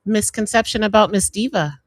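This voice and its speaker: Woman podcast host, supportive and chatty, mid pitch, dry close sound. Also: fairly quick, dry recording. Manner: supportive, affirming, chatty questions. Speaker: podcast host, former manager. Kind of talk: casual podcast interview.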